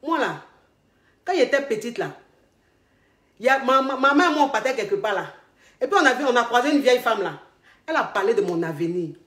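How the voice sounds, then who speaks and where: A woman with an Ivorian French accent, working as a relationship coach, telling comic stories. She is expressive, repeats herself, laughs often and acts out the dialogue. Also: a little high, fairly quick, pauses often. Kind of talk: animated comic storytelling. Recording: echoey room.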